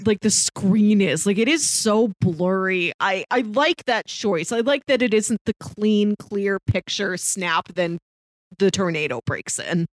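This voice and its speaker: Expressive and unhurried, this woman's mid-range voice comes through a dry recording. As a podcast co-host, she talks about movies in a relaxed, conversational way, saying "like" frequently.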